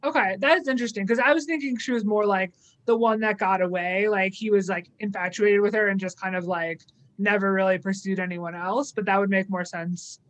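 A woman's voice: medium pitch, fairly even intonation, fairly quick, rough recording. A woman co-hosting a podcast, chatting casually through an episode recap with lots of "like" and little acted-out quotes. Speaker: podcast co-host.

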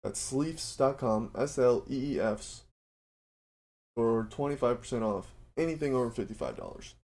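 A man's voice: mid-range voice, expressive, normal speed, darkish tone. A man hosting a sports podcast, reading sponsor ads in a casual, fumbling way and apologizing for his slip-ups. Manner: fumbling, apologetic, self-mocking about ad reads. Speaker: podcast host.

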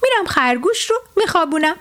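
A woman's voice: high voice, very animated. A woman voicing Sleep as a wandering spirit in a children's bedtime story, speaking in a lifted, coaxing voice. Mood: scheming. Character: Sleep, a wandering spirit looking for someone to put to sleep.

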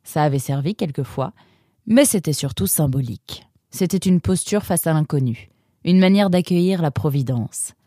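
A man narrating a children's storybook episode in a lively, expressive reading voice. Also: a little high, normal speed, no room sound, studio quality.

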